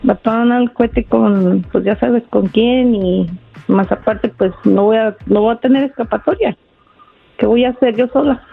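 A woman calling in, speaking hesitantly with many halting fillers. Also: on the high side, creaky, husky. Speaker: caller. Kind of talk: phone call on live radio. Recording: tinny phone line with music.

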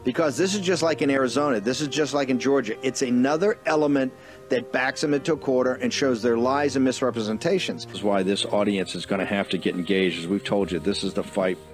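Male host, combative political commentary, ordinary pitch, light music bed. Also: fast talker. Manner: combative, insistent. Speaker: show host.

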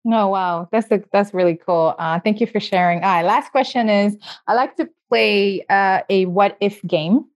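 A woman's voice: medium pitch, moderate pace. A woman hosting a podcast interview, chatty and full of fillers and restarts. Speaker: podcast host. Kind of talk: casual interview chat.

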